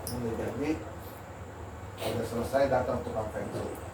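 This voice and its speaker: Older male architect-lecturer, animated candid storyteller; roomy, noisy, distant recording. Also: mid-range voice, normal speed. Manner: animated, candid, laughs while telling stories. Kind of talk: informal talk with storytelling.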